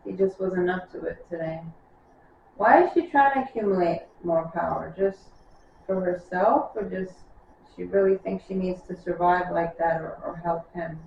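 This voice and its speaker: A woman's voice: lowish voice, normal speed, gravelly, a little hiss or hum. Woman reacting to a show, echoey room. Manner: chatty, reacts aloud to each scene. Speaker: reaction video host. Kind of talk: casual reaction commentary. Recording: roomy, distant, dull sound with show music behind.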